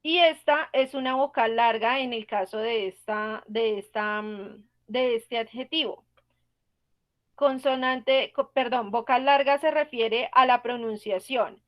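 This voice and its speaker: A woman's voice: a little high, unhurried, a bit bright. A woman teaching an online English class, patiently explaining grammar rules step by step and asking the students questions.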